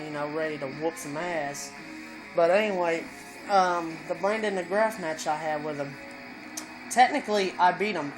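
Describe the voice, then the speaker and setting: At home indoors, a man with a high voice vlogs while a bit drunk and stoned, spinning a long, profane, meandering story as casual chat. Music plays in the room, and the recording quality is low.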